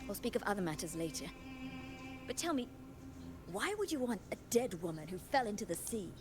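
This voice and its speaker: A woman's voice: mid-range voice, big pitch swings, a little fast, natural voice. An actress playing a haughty, fierce noblewoman warrior in a video game, speaking in an imperious, dramatic manner. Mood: haughty, disdainful. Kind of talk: scripted video game dialogue. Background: game music.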